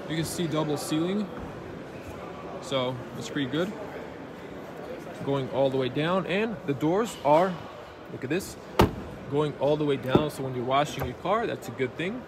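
A car reviewer circles a vehicle in an indoor auto show hall, plainly pointing out its details for a handheld camera, with the noisy show floor audible around him. His voice is fairly high with lively intonation, and he speaks a little slowly with long pauses.

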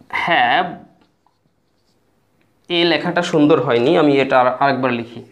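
A man teaching English phrases in a casual video lesson, repeating and spelling out words for viewers while writing on a board. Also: fairly high pitch. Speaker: English tutor.

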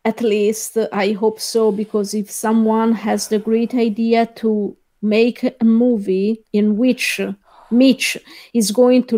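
Exasperated woman, deadpan complaints. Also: on the high side. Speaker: movie review co-host. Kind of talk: casual chat.

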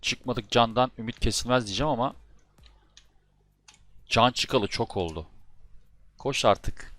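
A man doing live commentary over his own football video game match, often exasperated and shouting at his players and his keyboard. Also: medium pitch, a little slow, no room sound. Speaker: gaming YouTuber.

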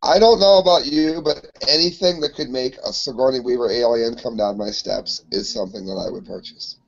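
A man's voice: medium pitch, a little fast, gravelly. A man on a casual podcast, dropping dry wisecracks into the conversation. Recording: dull lo-fi audio.

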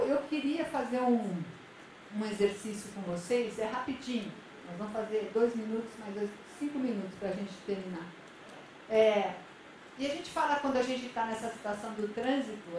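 A lecturer at a public-sector conference speaks conversationally in a large convention center auditorium, frequently checking in with her audience. Her fairly high, darkish voice is heard from a distance in an echoey hall, with a little hiss or hum.

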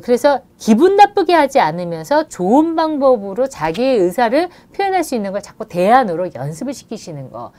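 A woman who works as a play therapist, answering parents' questions on a live broadcast. She explains step by step, often pausing on "uh," and puts questions to the listener. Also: mid-range voice, a little mellow. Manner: explanatory, poses questions to the listener and acts out sample lines; frequent "uh" fillers between phrases.

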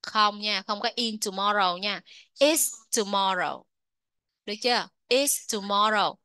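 A woman English teacher explaining a textbook lesson, asking her students questions and drilling pronunciation slowly. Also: medium pitch, bright, forceful tone, clean tone, dry recording.

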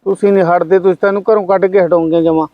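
A man's voice: high voice, flat delivery, rapid-fire, no echo, lo-fi sound, close to an everyday voice. An actor playing an older rural grandfather who keeps soothing his quarrelling family. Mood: calming, weary. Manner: soothing, repeatedly brushing off quarrels. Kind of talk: home-made family drama skit.

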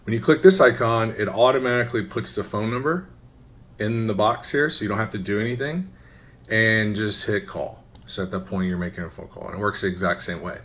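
A man with a lowish voice provides voice-over for a screen recording, walking through software in an informal screen-share tutorial. His tone is conversational and instructional, and he often tags phrases with a quick "right?" to check in.

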